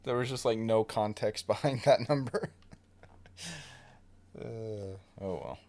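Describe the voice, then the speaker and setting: A man's voice: on the low side, takes it slowly, a little mellow. A man hosting a game livestream, chatting casually and joking with viewers and friends. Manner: laid-back, joking, chatty. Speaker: streamer.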